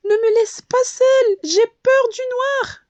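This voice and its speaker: A woman's voice: extremely high pitch, expressive, moderate pace, mellow, voice pushed up. A woman voicing a timid little girl queen bee who stammers and pleads anxiously. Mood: pleading.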